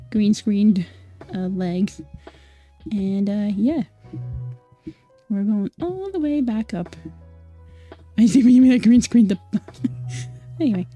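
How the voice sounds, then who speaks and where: A woman's voice: mid-range voice, mellow. A woman from Scotland, a streamer chatting casually with viewers, chatty and apologetic with many fillers. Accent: mostly American-sounding, Scottish origin. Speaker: vtuber streamer. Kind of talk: casual livestream chat.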